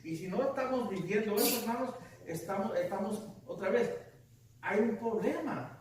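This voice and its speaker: A man preaching a sermon as pastor, emphatic and full of rhetorical questions. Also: high voice. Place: church sanctuary. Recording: echoey church hall, distant mic.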